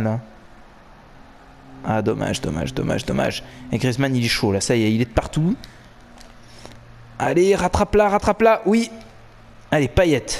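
A young man giving excited, swearing live commentary while playing a football video game. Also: a little high. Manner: animated, swearing, cheering and groaning at the match. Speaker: gaming commentator.

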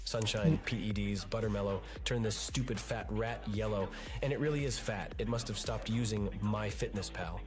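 An actor playing a cheeky, mocking young wizard schoolboy in a fantasy film parody. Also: male voice, on the low side, moderate pace, over loud music, natural voice.

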